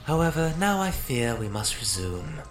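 A man's voice: medium pitch, big pitch swings, moderate pace, faint music behind, pitched above the performer's own voice, close to an everyday voice. A man playing a sardonic, theatrical psychic magic-user, narrating an audio drama with wry mock politeness. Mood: wry, boastful. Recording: roomy echo, faint noise.

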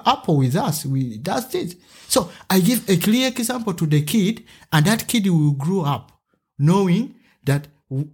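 Man from Uganda, husky voice, lively storytelling guest. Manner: animated storyteller, acts out a child's voice with a higher pitch. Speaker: teacher and podcast guest. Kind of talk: conversational interview.

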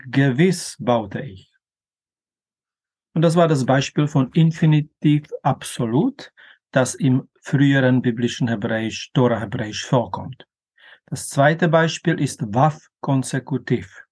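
A man explaining grammar in a careful lecture, pronouncing example words slowly and deliberately, with an occasional filler. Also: medium pitch, darkish tone. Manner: slow, deliberate, careful pronunciation of Hebrew terms. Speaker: language teacher.

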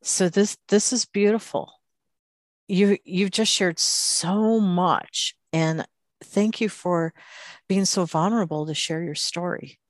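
Female podcast host, lower pitch, dry recording, inquisitive and laughs easily. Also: slow, no room sound. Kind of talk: conversational podcast interview.

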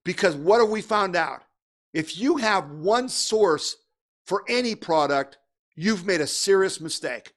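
A man with a somewhat high-pitched voice holds forth as a political radio host. He rants with exasperation and conviction, throwing out rhetorical questions as he delivers his opinionated monologue. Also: lively intonation, unhurried, fairly bright tone.

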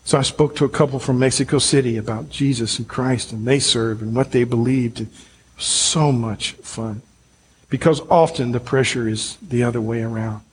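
A man's voice: medium pitch, fairly even intonation, normal speed, a little hiss or hum. An older man, a pastor, giving a sermon in an earnest, conversational way and speaking straight to his listeners. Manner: earnest, conversational preaching, addressing the congregation directly.

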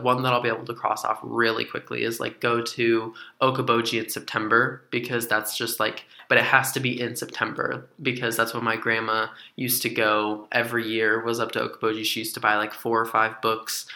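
A young man co-hosts a podcast in a relaxed, unscripted chat. His voice carries a gravelly fry under a bright tone, and he rambles along with many fillers. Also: medium pitch. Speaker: podcast co-host. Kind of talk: casual chat.

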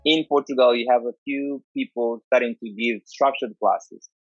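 A man's voice: mid-range voice, steady tone, moderate pace, muffled recording, over loud music. A man with an Angolan accent gives an informal, conversational explanation, stressing points by repeating and listing. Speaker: dance culture speaker.

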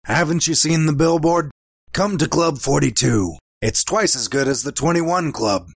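A man's voice: fairly high pitch, moderate pace, vocal fry, breathy edge, dry recording, studio quality. A man playing a tough, terse 1940s private eye with slangy hardboiled talk in a radio parody. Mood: tough, businesslike.

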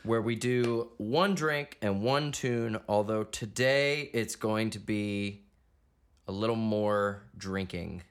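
A man's voice: on the low side, slow. A man co-hosting a podcast, talking casually and chiming in with agreements and asides. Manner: relaxed, chimes in with agreement and asides. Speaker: podcast co-host.

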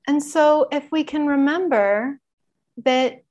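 A woman chatting as a podcast guest, animated and laughing often, moving between bright emphasis and quiet reflection, with a mild case of the sniffles. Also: high-pitched, slow, highs cut off. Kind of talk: casual conversational chat.

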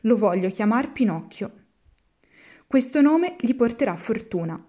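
An old woodcarver, as a woman reads him, mutters to himself in a storybook, grumbling but soft at heart. His voice is mellow and unhurried, a touch slower than the telling around it. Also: fairly high pitch, expressive. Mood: musing.

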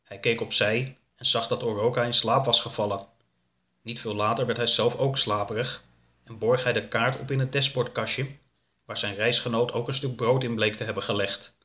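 A man reading a children's story aloud in a calm, even storytelling manner. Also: mid-range voice, moderate pace. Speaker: narrator. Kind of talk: storybook narration.

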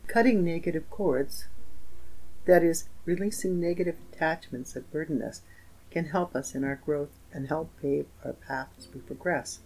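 A man narrating a scripted guided meditation in a slow, gentle, soothing manner with pauses. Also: fairly high pitch, poor audio. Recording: voice over meditation music. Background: soft instrumental music with guitar.

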